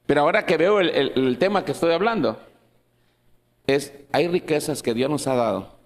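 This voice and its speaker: High-voiced pastor preaching. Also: male voice, expressive. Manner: earnest, slows down on key phrases with restarts. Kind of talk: sermon. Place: church hall. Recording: long church-hall reverb.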